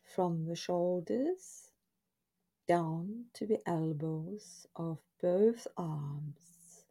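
A woman guides a relaxation in a hushed, breathy half-whisper with a husky softness. Her voice is lowish and very mellow. She speaks in soothing, drawn-out phrases, leaving pauses between them. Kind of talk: scripted guided body scan meditation in a soft, breathy half-whisper.

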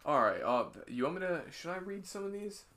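A man's voice: high-pitched, big pitch swings, a little fast, bright, forceful tone. Young man teasing in casual chat. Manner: teasing, joking banter. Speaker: podcast co-host.

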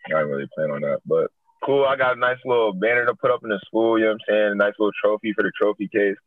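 A man's voice: lowish voice, very fast, no echo. A young man from upstate New York, a basketball player talking as a guest in a casual interview, laid-back and slangy. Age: young adult. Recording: dry, tinny phone-like line.

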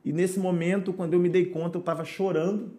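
A man speaking as a pastor, sharing his conversion story in an earnest, preacherly tone. His voice sits a little high for a man. He is recorded as a guest on a podcast. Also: fairly even intonation, fairly quick, dark tone. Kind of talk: podcast testimony.

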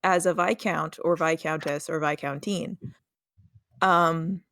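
A woman with a low voice hosts a role-play session. She talks casually and hesitantly, often repeating words. The recording is close and dry. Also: fairly even intonation, slow, a bit bright, no echo. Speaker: game master.

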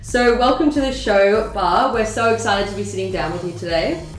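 A woman's voice: mid-range voice, normal speed. A woman hosting an interview, reading a scripted introduction and then asking friendly questions. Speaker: interview host. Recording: echoey room with faint music.

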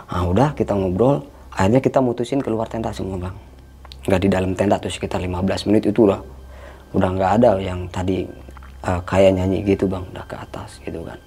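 Gravelly-voiced man telling a scary story. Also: on the low side, mellow. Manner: tense, imitates eerie sounds, addresses listener as Bang. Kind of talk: casual storytelling.

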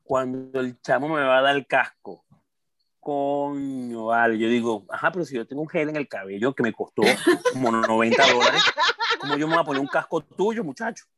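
A man with a Venezuelan accent telling funny stories in a casual podcast chat, animated, laughing often and making sound effects. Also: mid-range voice, moderate pace, a little hiss or hum. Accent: Venezuelan Spanish. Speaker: podcast co-host.

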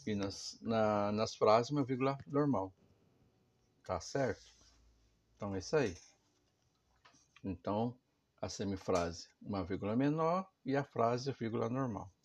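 A man's voice: fairly low pitch, unhurried, pauses often. A man teaching a music theory lesson, explaining patiently and often checking that his listeners follow.

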